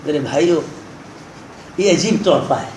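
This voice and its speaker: Man preaching and storytelling, high voice, big booming echo and some noise behind. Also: a little mellow. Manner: tells a story and addresses listeners directly. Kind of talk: sermon with storytelling. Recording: very echoey hall with background noise.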